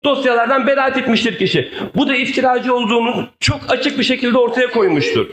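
A man's voice: very high voice, fairly quick, a bit bright, a little hiss or hum. A man arguing insistently as a council member in a heated political debate, often repeating himself. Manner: argumentative, insistent, repetitive. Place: large indoor meeting hall. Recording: echoey council hall microphone.

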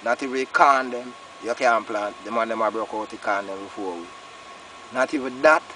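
A man's voice: mid-range voice, moderate pace, pushed and bright, far from the mic. An older Jamaican man talks in casual rasta-style patois, driving points home by repeating them. He is recorded outdoors by a roadside, a little away from the mic, with faint noise around him. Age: older, about 60s. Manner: emphatic, repeats phrases. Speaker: farmer being interviewed.

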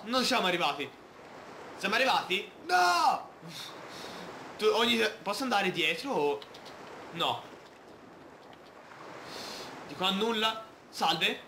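A man's voice: high voice, bright, forceful tone, roomy sound, a little hiss or hum. A man playing a video game, chatting playfully and reading the game's text aloud. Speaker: gamer. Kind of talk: Let's Play commentary.

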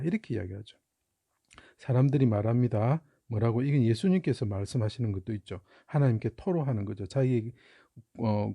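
Man, middle-aged, very dark mellow tone, dry sound, emphatic Bible lecture, rhetorical questions. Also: medium pitch, dry recording. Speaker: Bible character teacher. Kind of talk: lecture on Bible Chinese characters.

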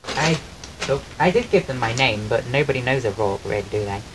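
A man with a soft voice that people often take for a woman's, chatting casually on a live stream at home and thanking his viewers. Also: mid-range voice, animated, brisk. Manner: chatty and rambling, thanks viewers while eating. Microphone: desk microphone. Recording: clear background noise on the stream mic.

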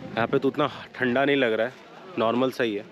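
With a crowd audible behind him, a travel vlogger speaks a little fast in a medium-pitched voice, narrating his trip outdoors and inside a limestone cave. He's chatty and excitable, sprinkling in English phrases, while the audio quality is dull.

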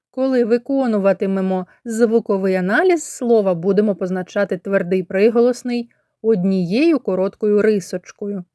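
A woman from Ukraine working as a kindergarten teacher, leading a children's literacy lesson in slow, clear, drawn-out speech. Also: mid-range voice, warm tone, no room sound, studio quality.

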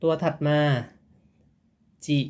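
A man teaching a casual online Japanese lesson, slowly repeating syllables and explaining each sound in a friendly, informal way. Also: a little mellow.

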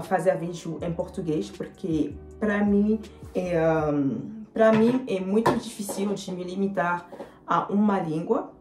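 A French woman in her twenties, speaking with a French accent, answers viewer comments on camera as a vlogger in a small, echoey indoor room. Her mid-range voice has a darkish tone, and she sounds hesitant, pausing often, filling gaps with fillers and slipping into English.

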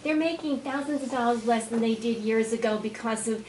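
Woman, 50s, resident, earnest probing questions, somewhat high voice, distant, echoey room. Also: a little fast, a little mellow, a little hiss or hum. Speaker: resident speaking at public comment. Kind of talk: public meeting exchange. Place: public meeting room.

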